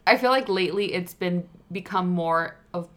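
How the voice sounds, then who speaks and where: A woman co-hosting a casual podcast. Her voice is a touch lower than most women's. She talks in a loose, chatty way, leaning on fillers as she tells a story. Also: moderate pace, fairly bright tone. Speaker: podcast co-host.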